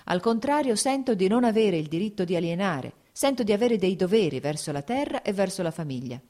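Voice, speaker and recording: A woman's voice: mid-range voice, very animated, brisk, dark tone, voice pushed up. A woman voicing an earnest, brooding male landowner who argues his point in an audiobook reading. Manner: earnest, argumentative.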